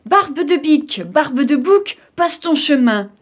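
A woman voicing a group of little goat kids in a storybook reading, chanting loudly and defiantly. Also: on the high side, lively intonation, takes it slowly.

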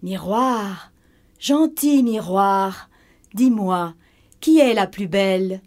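A man playing a haughty, jealous queen from a storybook, speaking slowly in a raised, lofty voice. She sounds proud and menacing. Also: sits high, darkish tone, pitched above the performer's own voice, exaggerated voice. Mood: imperious. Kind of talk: storybook reading.

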